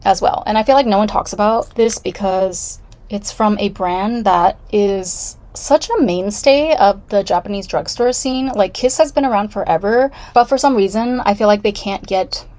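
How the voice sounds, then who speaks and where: A woman's voice: medium pitch, normal speed, darkish tone, dry recording. A woman vlogging casually from home, reviewing beauty products in a rambling, candid way with self-deprecating asides.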